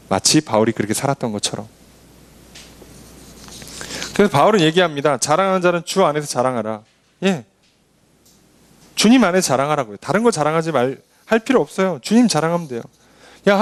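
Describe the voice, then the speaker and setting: A man preaching a Sunday sermon as pastor, acting out boastful people with scoffing clicks. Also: a little high.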